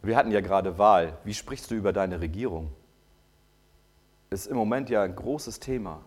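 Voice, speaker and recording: A preacher giving a sermon who keeps asking the listeners rhetorical questions, checking in with short "ja?" tags and swinging between loud, stretched-out emphasis and quiet asides. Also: low voice, normal speed. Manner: swings from loud to soft, drawing out key words.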